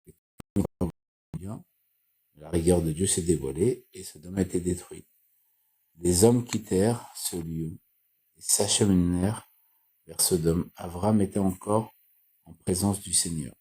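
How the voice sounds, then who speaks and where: A man reading and explaining Torah commentary in a slow, halting way, with restarts and repeated phrases. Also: low-pitched, dark tone, husky. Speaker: Torah teacher.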